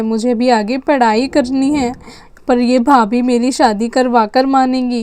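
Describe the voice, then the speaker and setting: A woman's voice: fairly high pitch, dark tone, clear, resonant tone, no echo, lightly acted. A woman voicing a tearful young woman in a doll story, pleading in an upset manner.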